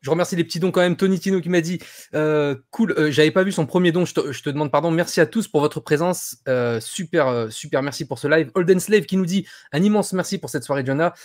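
A man's voice: a little high, fast, darkish tone. A man hosting a live stream, chatting and thanking donors with enthusiasm. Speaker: host. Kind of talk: casual live chat.

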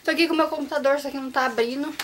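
A young woman from Brazil vlogging casually, nervous and excitable, her voice trembling as she exclaims often. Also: high voice, very fast, slight background noise. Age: young adult. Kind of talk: casual vlog reacting to exam results.

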